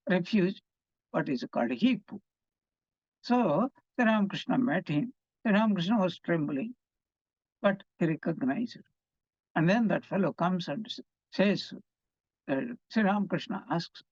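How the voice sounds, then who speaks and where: A man's voice: sits high, darkish tone, no room sound. A man, a monk, giving a conversational scripture class, telling stories and asking rhetorical questions. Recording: slightly dull, muffled sound.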